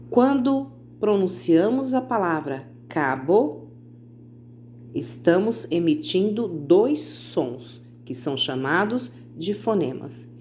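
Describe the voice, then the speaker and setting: Slow, patient woman teacher. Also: fairly low pitch, darkish tone, slight background noise. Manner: slow, stretched-out pronunciation of example words. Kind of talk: recorded video lesson for children.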